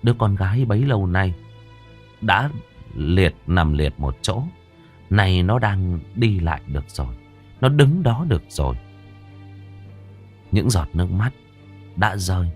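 Dramatic male storyteller, low voice. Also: lively intonation, unhurried, long pauses. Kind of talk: ghost story narration. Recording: dry close mic with soft music.

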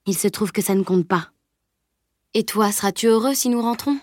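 A woman's voice: medium pitch, moderate pace, dry recording, studio quality, voice pushed up, natural voice. A woman reading the part of a determined teenage girl in an audiobook, earnest and resolute.

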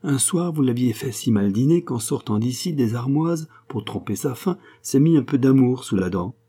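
A man's voice: mid-range voice, expressive, moderate pace, warm tone, breathy edge, voice pushed up. A man doing a scornful, mocking journalist. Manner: scornful, teasing. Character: mocking sardonic male journalist, middle-aged man.

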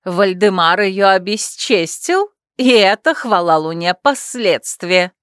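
A woman voicing a stern, domineering werewolf clan matriarch who speaks loudly and emphatically in an audiobook. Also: mid-range voice, lively intonation, clear, resonant tone, no echo, studio quality. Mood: insistent. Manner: loud, commanding, slow and emphatic.

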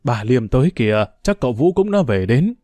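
A man's voice: mid-range voice, big pitch swings, brisk, dark tone, dry recording, close to an everyday voice. A man voicing a distraught middle-aged female servant who wails and cries out in an audiobook. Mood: anxious. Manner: wailing, crying out.

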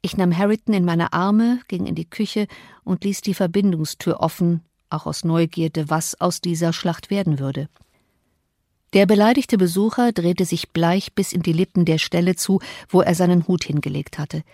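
A woman narrating an audiobook in a measured, expressive way, recorded close to the mic. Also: on the low side, dry recording. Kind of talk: scripted narration.

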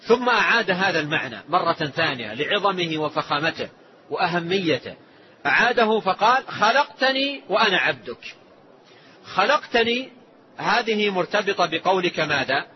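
A male religious scholar giving an explanatory lesson, speaking in a measured way and often restating his phrases. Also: sits high, lively intonation. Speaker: religious scholar teaching a book. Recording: dull lo-fi lecture recording, faint hiss.

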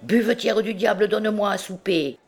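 A boastful, tipsy young male student shouts and jokes his way through a tavern, performed by a woman narrator. He exclaims loudly and laughs, all swagger in an audiobook reading. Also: a bass voice, expressive, a little slow, full character voice. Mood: rowdy.

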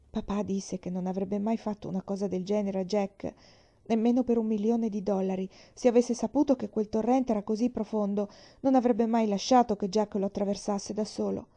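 A woman narrating a children's novel as an audiobook, expressive and measured. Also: on the high side. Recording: slightly dull recording.

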